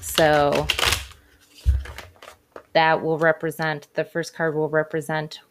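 A woman hosting a casual spiritual talk and tarot reading, speaking in a gently encouraging, hesitant, informal way. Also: low voice, completely flat delivery, slow. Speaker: podcast host and tarot reader. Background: cards being shuffled at times.

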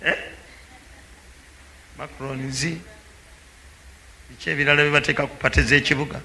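Lively preacher man, bright voice. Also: mid-range voice, normal speed, gravelly. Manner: lively, teasing, calls out to the congregation. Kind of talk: sermon with live interpreter. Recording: echoey hall with faint background noise.

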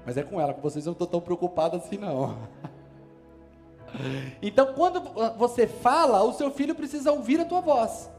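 High-voiced Brazilian pastor preaching emphatically. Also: male voice, lively intonation, a little fast, a little mellow, faint music behind. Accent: Brazilian Portuguese. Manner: emphatic, preaching with rising force and sudden calls. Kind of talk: sermon. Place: church service.

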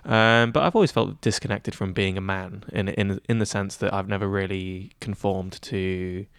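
A man's voice: deep voice, fairly even intonation, normal speed, fairly bright tone, clear, resonant tone, no echo, studio quality. A young man, a guest on a student podcast, talking casually and rambling with many fillers and restarts. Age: young adult. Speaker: guest, student head of news. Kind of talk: casual interview chat.

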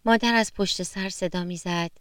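A woman narrating a children's story gently and expressively, sometimes speaking straight to the young listeners. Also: fairly low pitch, smooth, dry recording.

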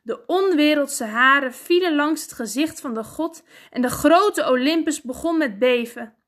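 A woman narrating a myth as a storybook reading, deliberate and expressive. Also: sits high.

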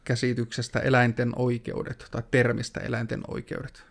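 A man in casual conversation, speaking in a quiet, low-key way. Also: monotone, gravelly. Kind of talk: casual chat.

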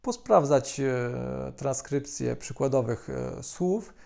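Calm Polish man with gravelly voice. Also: medium pitch, slow. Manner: calm, methodical, frequent hesitation fillers. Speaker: language teacher. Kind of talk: explanatory video lesson.

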